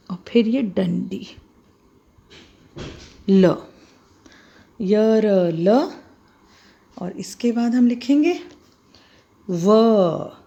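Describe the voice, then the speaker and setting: Her voice sits at a medium pitch and sounds mellow, with the highs cut off. This middle-aged Hindi teacher walks children through writing letters, patiently spelling and explaining each one in turn.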